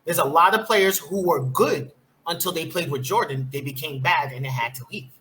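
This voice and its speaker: A man's voice: on the high side, normal speed, sharp tone, a little hiss or hum, poor audio. A man arguing his point as a podcast guest in a casual debate, cutting in to press his case. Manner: argumentative, keeps cutting in to make his point.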